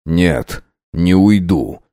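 Casting: man playing a restrained vampire count, low, unhurried, dry close sound. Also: animated, mellow, no room sound, exaggerated voice. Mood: uneasy, dry. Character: blind male vampire count, anxious and restrained. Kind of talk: audiobook reading.

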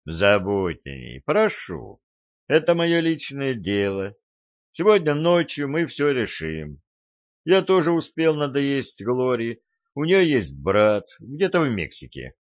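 A man reading a smooth-talking young man who lies to win women over, eager and persuasive, in a storybook narration. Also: medium pitch, very animated, slow pace, dry recording, dull audio, pitched above the performer's own voice.

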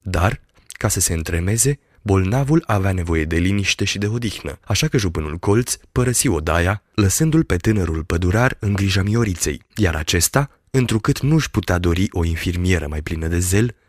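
A man reading a classic novel aloud as an audiobook, in steady, measured storytelling narration. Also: low-pitched, no echo, clean studio sound. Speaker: audiobook reader. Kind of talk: scripted literary narration.

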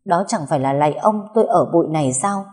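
A woman voicing a wronged young wife who answers in a calm, measured way. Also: lowish voice, lightly acted.

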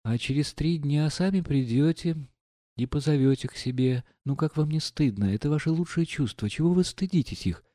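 Man reading as a soft-spoken naive young prince, earnest and kind, warm dry voice. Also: on the high side, lively intonation, normal speed, no room sound, pitched above the performer's own voice, lightly acted. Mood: gentle earnest. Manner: gentle, earnestly pleading.

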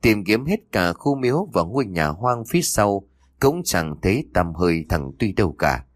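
A man narrating a ghost story in a steady, suspenseful storytelling voice. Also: fairly low pitch, moderate pace, dry recording, studio quality.

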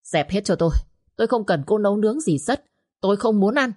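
A woman's voice: on the low side, expressive, moderate pace. A woman playing a furious scolding mother-in-law. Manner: shouting, scolding.

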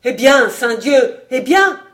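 A reader voicing a furious, scheming male nobleman in an audiobook, shouting and cursing. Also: medium pitch, measured pace, close to an everyday voice. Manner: shouting, blasphemous outbursts. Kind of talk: audiobook character reading.

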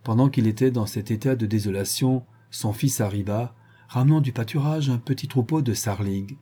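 Male audiobook narrator, very dark husky tone, measured storytelling. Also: medium pitch. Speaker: audiobook reader. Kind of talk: scripted narration.

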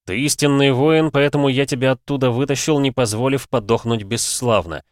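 A man's voice: medium pitch, brisk, no echo, studio quality, voice pushed up, natural voice. A man voicing a huge, commanding male viking warlord who speaks heavily. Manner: heavy, commanding.

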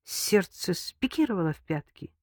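A woman narrating an audiobook in an even, measured reading. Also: on the low side, dry recording, studio quality. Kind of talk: scripted narration.

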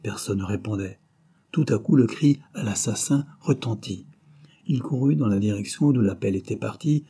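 A man's voice: lowish voice, normal speed, husky. A man reading a novel aloud as an audiobook narrator, raising his voice for the dialogue. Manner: reads the dialogue with raised, lively voices. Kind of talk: scripted narration.

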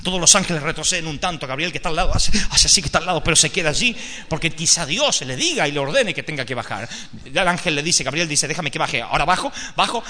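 A man's voice: a little high, expressive, quick pace, sharp tone. A man preaching a sermon as dramatic storytelling, theatrical and emphatic, speaking straight to his audience. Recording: echoey hall.

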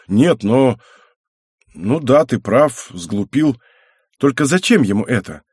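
An eager young man who jumps in quickly, then hesitates. A man voices him in a close, dry audiobook read. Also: mid-range voice, animated, a little mellow, husky, no echo.

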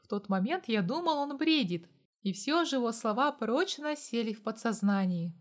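A woman narrating a first-person audiobook at a steady storytelling pace. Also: fairly high pitch, normal speed.

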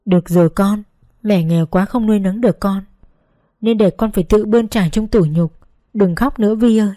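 A woman's voice: mid-range voice, fairly quick, mellow, no room sound, clean studio sound, lightly acted. A woman voicing a poor, aging rural mother who pleads tenderly with her daughter in a read-aloud story.

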